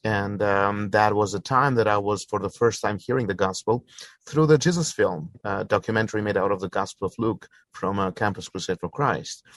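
A church planter from Albania, a man in his forties, answers interview questions in English as a guest, telling his story earnestly and using fillers and restarts. His voice is lowish, with no room sound.

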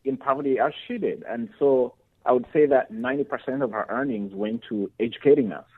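A man's voice: mid-range voice, fairly quick, breathy edge. A man, a guest on a radio interview, answering earnestly with many fillers and restarts. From Uganda. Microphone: phone. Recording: tinny phone line.

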